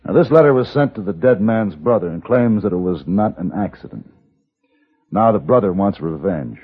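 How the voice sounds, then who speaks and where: An actor narrating and playing a cool, terse male gunman in an old radio western, measured and clipped. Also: fairly low pitch, lively intonation, breathy edge. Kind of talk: 1950s radio drama narration and dialogue. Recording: muffled old radio with music.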